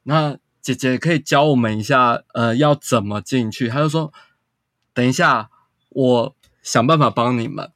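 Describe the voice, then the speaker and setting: A man's voice: medium pitch, moderate pace, dry recording, clean studio sound. A man, a guest casually telling a long story full of quoted dialogue. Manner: animated anecdote-telling with quoted dialogue and frequent "然后".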